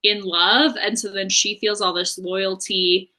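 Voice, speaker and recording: Bright-voiced chatty woman podcaster. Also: medium pitch, fairly even intonation, unhurried. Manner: chatty recap with fillers and laughs. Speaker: podcast co-host. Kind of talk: casual book discussion.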